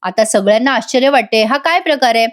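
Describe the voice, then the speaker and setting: Woman, TV serial reviewer, voice-over, chatty, talks to viewers, high voice. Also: expressive, fast. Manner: chatty, addresses viewers directly.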